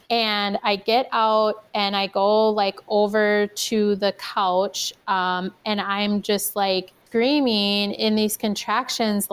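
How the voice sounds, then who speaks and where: Chatty young woman with a smooth voice. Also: medium pitch. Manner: chatty, fills speech with "like". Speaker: podcast guest. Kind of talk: personal storytelling in casual conversation.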